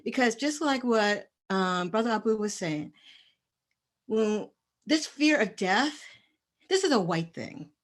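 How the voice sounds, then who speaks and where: Woman, higher voice, slow emphatic delivery, tremor in voice, panel discussion. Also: animated. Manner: passionate, emphatic, with a trembling voice.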